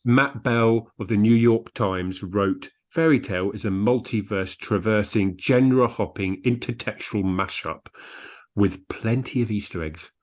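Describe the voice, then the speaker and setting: In casual conversation about books, this male podcast co-host speaks at a measured pace in a lowish voice. He offers blunt opinions and sometimes reads reviews aloud.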